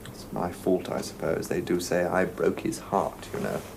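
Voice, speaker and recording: This is a nonchalant male suspect in a TV crime drama, with a fairly low voice. He is cool and mocking, and he takes his time with his answers. A faint hiss sits under the dialogue. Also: animated, moderate pace, creaky. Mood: detached. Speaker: murder suspect. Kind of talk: British television drama acting.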